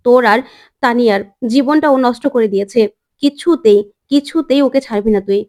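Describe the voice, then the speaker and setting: A woman's voice: a little high, brisk, darkish tone, lightly acted. A woman voicing an older mother who scolds her cruel son and blames herself. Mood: lamenting. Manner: scolding, then lamenting. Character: older mother, stern and guilt-stricken.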